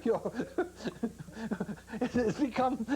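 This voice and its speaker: Animated older man telling stories. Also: extremely high pitch, very slow, husky, poor audio. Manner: animated, laughing storyteller. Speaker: veteran photographer. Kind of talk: interview answers.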